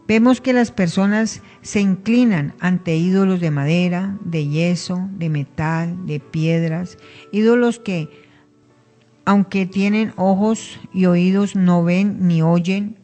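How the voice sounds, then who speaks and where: Woman doing a slow bible lesson on radio, low-ish voice, calm and measured. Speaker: radio program co-host. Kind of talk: reading a Bible teaching on radio. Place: radio studio.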